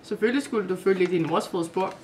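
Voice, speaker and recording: A woman's voice: lowish voice, darkish tone, far from the mic, a little hiss or hum, lightly acted. A woman voicing a cold, commanding boy who leads a wolf pack in a read-aloud story.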